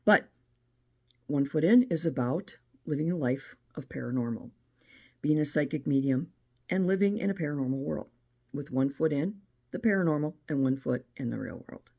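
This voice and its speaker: Low-voiced chatty woman host. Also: animated, normal speed, creaky, a little mellow. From United States. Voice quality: meandering, with frequent restarts. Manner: chatty, opinionated. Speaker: channel host. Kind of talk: casual monologue.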